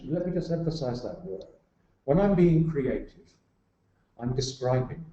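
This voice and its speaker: As a guest explaining leadership, this man stacks up emphatic lists of examples with a few fillers. His voice runs on the high side and is warm, and the recording comes across roomy and muffled.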